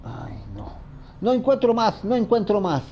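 A man's voice: sits high, huge pitch swings, measured pace, dark tone, slight background noise. A man giving frantic let's-play commentary, talking to himself and repeating words. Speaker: gamer.

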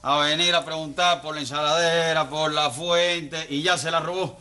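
A man with a Cuban accent playing an excitable, bossy old man in a TV comedy sketch, fretting and exclaiming often. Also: on the high side, normal speed. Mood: flustered fussing. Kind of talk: TV sitcom acting.

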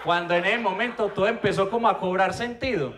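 A man with a Colombian Paisa accent doing an animated stand-up set, tagging his punchlines with a quick questioning grunt. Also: high-pitched. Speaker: stand-up comedian. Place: comedy stage before a live audience. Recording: live show with a loud audience.

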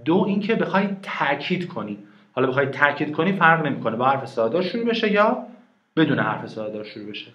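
A man's voice: a little high, sing-song, fairly bright tone, highs cut off. A man teaching an online reading lesson, patiently explaining grammar and asking his students questions. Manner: patient, asks questions and answers them himself. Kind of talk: online private lesson, explaining in Persian with English examples. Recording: echoey room.

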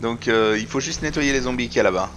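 A man's voice: medium pitch, quick pace, fairly bright tone, slight background noise. A man casually commenting while playing a survival game, muttering and talking to viewers. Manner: chatty, mutters to himself, addresses viewers. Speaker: let's play host.

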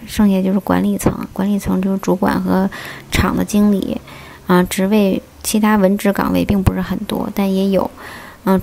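A woman talks viewers through their questions in a steady, explanatory voice-over. Her delivery stays level and even, with a gravelly, fry-touched edge. She strings her points together with small connective fillers. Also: medium pitch. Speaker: vlogger answering viewer questions.

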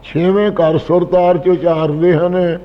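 A man's voice: high-pitched, steady tone, slow pace, in a large hall, muffled recording. A man earnestly expounding scripture line by line, addressing his listeners directly.

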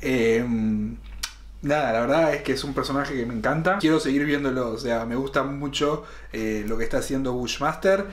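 A man's voice: medium pitch, normal speed, echoey room. A young man casually reviewing a TV episode, thinking aloud with fillers while seated at a camera. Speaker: series reaction host. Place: room lined with collectible shelves. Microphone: fixed camera, seated facing it.

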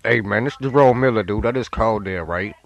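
A man's voice: lowish voice, fairly quick, vocal fry, a little hiss or hum. A man playing a brash, profane prank caller who swears and demands apologies. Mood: belligerent.

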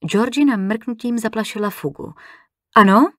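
A woman narrating an audiobook thriller in a calm, measured way. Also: medium pitch, dry recording, clean studio sound. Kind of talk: scripted narration.

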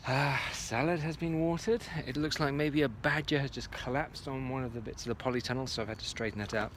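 Outdoors at his allotment at dusk, a forty-something vlogger chats to a phone camera held at arm's length, muttering to himself as he looks things over on a casual walk-and-talk. He speaks fairly quickly in a mid-range voice that is steady and fairly bright. There's a little hiss or hum.

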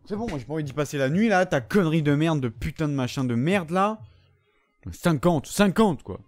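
A man giving live commentary over his gameplay, ranting and swearing in frustration, then talking himself back into calm. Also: a little high, moderate pace. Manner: profane, frustrated ranting that swings between outbursts and calming himself. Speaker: gamer recording his gameplay.

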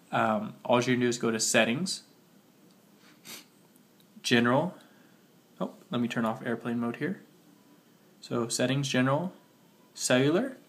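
A man's voice: medium pitch, normal speed, pauses often, a bit bright. A man with a mid-range voice hosts a casual how-to for a phone. He sounds sick and slightly muffled. He talks while he works, going step by step and carefully spelling things out. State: sick with a cold. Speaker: tutorial host.

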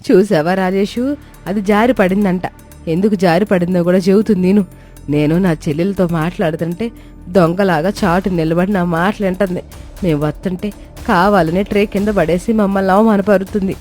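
A woman's voice: on the low side, steady tone, normal speed, darkish tone, soft background music, close to an everyday voice. A woman voicing a scheming, domineering middle-aged mother-in-law who talks in a scornful, commanding way. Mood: complaining. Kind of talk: Telugu audio drama acting.

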